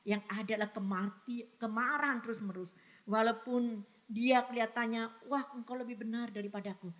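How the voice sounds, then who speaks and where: A woman pastor delivering a sermon in church, with emphatic preaching, rhetorical questions and frequent direct address to the congregation. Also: a little high. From Indonesia.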